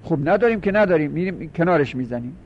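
A man teaching a class on Arabic word patterns, explaining step by step, repeating terms and asking students quick questions. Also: a little high, animated. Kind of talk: classroom lecture, explaining and counting forms. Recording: muffled lo-fi recording.

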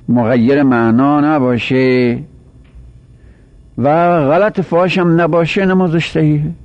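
A man teaching a seminary class, explaining grammar point by point and reciting Arabic verses aloud. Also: mid-range voice. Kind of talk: classroom lecture. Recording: dull, dry lo-fi recording.

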